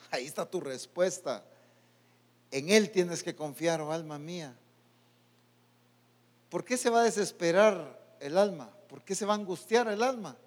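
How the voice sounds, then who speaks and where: A man preaching a sermon, swinging from loud, rising peaks to quiet, low drops and talking to his own soul in asides. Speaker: pastor. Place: church hall. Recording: long church reverb.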